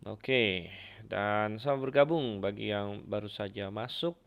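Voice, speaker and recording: A man teaching an online Bible class, unhurried, pausing often with fillers. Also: fairly low pitch, lo-fi sound. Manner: unhurried, with many fillers and hesitations.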